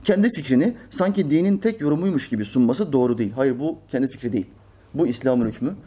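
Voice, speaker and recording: A man's voice: medium pitch, lively intonation, fast, warm tone, husky. A man reading out a news article and rebutting it in an emphatic, preacherly commentary full of rhetorical questions. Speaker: religious commentator.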